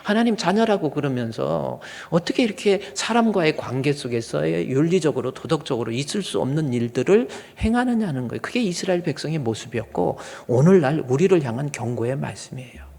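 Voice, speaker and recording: A man's voice: fairly high pitch, big pitch swings, a little fast, vocal fry, hardly any pauses, a little mellow. A male pastor preaching a sermon with earnest emphasis, now and then acting out angry fathers in quoted asides. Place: church sanctuary. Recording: long hall reverb.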